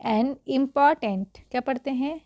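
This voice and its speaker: A woman's voice: sits high, moderate pace, darkish tone, no echo, clean studio sound. A woman teaching English reading in Hindi, patiently repeating each word and quizzing the viewer.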